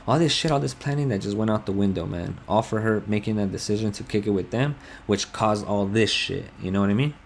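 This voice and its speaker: Over game voice chat, a young man with a lowish voice and vocal fry talks fairly quickly, barely pausing, as he relates a long, angry personal story full of swearing and side rambles. A little hiss or hum sits under his headset audio.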